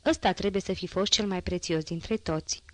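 A stern male police inspector gives clipped, commanding orders, as a woman reads him in a storybook. The voice sits low and the sound is dry and close. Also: no room sound, lightly acted. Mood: muttering.

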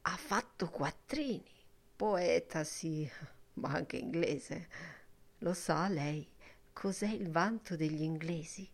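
A woman's voice: on the low side, takes it slowly, creaky, dry recording, full character voice. A woman reading as a preachy old schoolmaster. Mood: lecturing. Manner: lecturing, solemn. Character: stern old male schoolmaster, preachy and self-satisfied.

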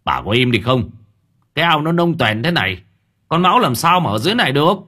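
A man's voice: on the high side, very animated, fast talker, slightly rough, pitched above the performer's own voice, exaggerated voice. A man voicing an angry village husband who snaps at his wife, in an audiobook. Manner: snapping, shouting.

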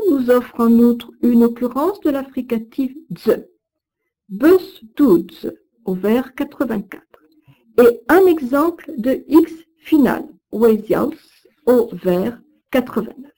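A woman with a French accent giving a recorded lesson, with slow, careful, deliberate diction. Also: fairly high pitch, animated, mellow. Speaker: teacher of Old French.

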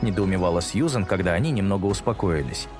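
A man narrating a children's story in a measured pace, slowing down for dramatic moments. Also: sits low. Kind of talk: audiobook narration. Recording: music bed under narration.

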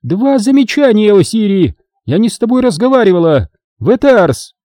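Man putting on a shrill strict female warden. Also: big pitch swings, normal speed, dry recording, clean studio sound. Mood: shrill angry. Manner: sharp, scolding, falsely sweet.

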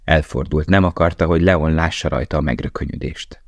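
A man narrating an audiobook in a calm, measured read. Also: rumbling low, no room sound. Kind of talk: scripted narration.

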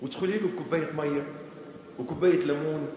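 A man preaching a sermon in an Egyptian Arabic accent, dramatic, acting out quoted voices and swinging between shouting and hushed speech. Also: on the high side, racing. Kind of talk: sermon on marriage. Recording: echoey hall, mic far off, faint noise.

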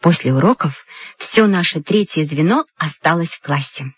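A woman reading a children's story aloud in an expressive, lively way, on a dull recording with faint music. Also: low voice, moderate pace, slightly rough, dry recording. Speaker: narrator. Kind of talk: audiobook narration.

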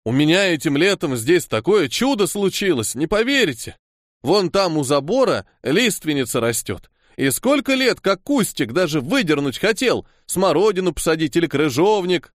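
A male narrator playing a keen, talkative host with a lively voice. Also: fairly high pitch, unhurried, dry recording, clean studio sound. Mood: enthusiastic. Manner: eager, chatty. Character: friendly male host at a dacha gathering, eager.

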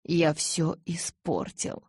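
A cold, brooding young vampire, all restraint and self-reproach , put on by a woman narrating the book. The voice sits low and a little husky, close to a dry mic. His words come out clipped and icy. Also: animated, slow pace, a little mellow, dry recording, exaggerated voice. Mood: despairing.

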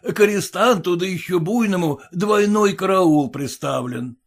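A man's voice: sits high, a little slow, husky, heavily acted. A man voicing a group of mocking merchants who jeer at a card player in a story reading. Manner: teasing, mocking banter.

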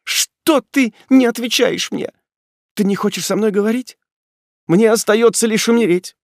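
A man's voice: a little high, moderate pace, no room sound, clean studio sound, pitched above the performer's own voice. A man reading an audiobook and voicing a young woman, a devoted and desperate lover, in an impassioned, tearful, pleading way. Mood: anguished.

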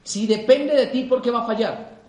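A man's voice: extremely high pitch, moderate pace, a little mellow. A young man from Colombia giving an emphatic motivational talk to a live audience, full of repeated rhetorical questions. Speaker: motivational speaker. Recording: echoey hall.

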